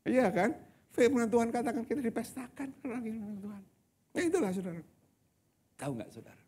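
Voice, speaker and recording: Conversational preaching pastor, husky voice. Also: male voice, extremely high pitch, expressive, fast talker, darkish tone. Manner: conversational preaching, often addressing the congregation as "saudara". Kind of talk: sermon. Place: church service, live-streamed.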